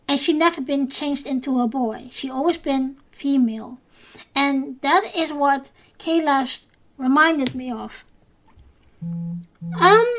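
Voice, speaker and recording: Recapping her solo podcast, a woman who speaks Dutch natively talks with a Dutch accent in a slow, hesitant way, full of ums and false starts. Her voice sits high and sounds fairly bright.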